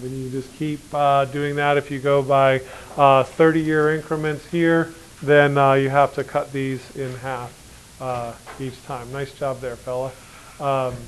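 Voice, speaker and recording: A man with a slightly high, smooth voice gives a loose, joking math lesson in a classroom. As he works through each step on the board he keeps questioning the class, and the recording is rough.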